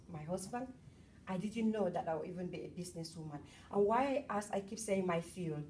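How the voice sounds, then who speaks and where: A middle-aged woman from Cameroon speaks to an event audience in a bubbly, chatty way. She sits at a medium pitch, and her voice comes from a little way off the mic. Faint room noise runs underneath. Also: distant mic. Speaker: motivational speaker. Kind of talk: public talk at an event.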